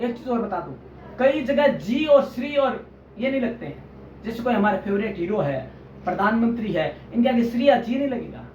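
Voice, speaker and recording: A man teaching journalism in an online lecture, explaining with everyday examples and often calling his listeners friends. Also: very high-pitched. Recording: roomy, distant, dull with faint hiss.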